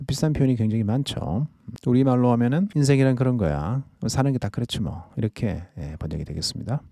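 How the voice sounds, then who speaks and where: A man teaching English idioms in a podcast lesson, explaining each phrase slowly and reading examples carefully. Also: medium pitch, mellow.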